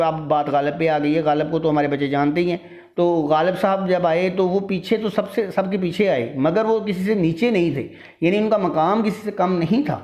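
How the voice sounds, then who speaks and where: A man's voice: a little high, darkish tone. A man teaching a literature lesson, explaining a text word by word and sounding tired from long talking. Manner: explains each word and line step by step.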